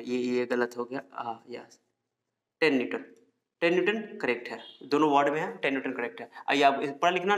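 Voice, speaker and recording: A man with a somewhat high voice teaches a science class. He repeats each rule several times and asks the students questions, then answers them himself. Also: fairly bright tone.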